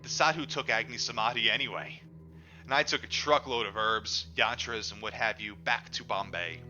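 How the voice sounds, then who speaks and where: A man with a lowish voice, pushed and bright, reads first-person narration at normal speed as an audiobook reader. He is theatrical and emphatic, elongating stressed words. Music plays behind a dull lo-fi recording.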